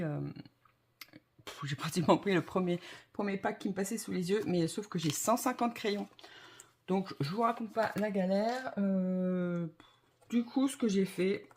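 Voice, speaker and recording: A woman's voice: mid-range voice, a little hiss or hum. A woman chatting casually to her viewers about her coloring supplies, rambling and correcting herself with lots of fillers and a self-mocking tone. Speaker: vlogger. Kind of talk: casual chat to camera.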